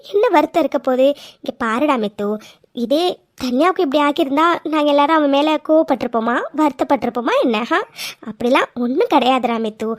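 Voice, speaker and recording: Woman doing a high-pitched cartoon grandma, sweet and coaxing, keeps asking "right?", dry close sound. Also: dry recording, natural voice. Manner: coaxing, scolds gently, ends lines with tag questions. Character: affectionate elderly grandmother, doting and reassuring. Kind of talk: animated serial voice acting.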